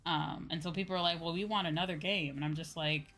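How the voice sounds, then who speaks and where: Her voice is deep and fairly bright, with fairly even intonation and a quick pace. She's a VTuber streamer gaming on a livestream, chatting in a colloquial, slangy, mildly exasperated way over background music.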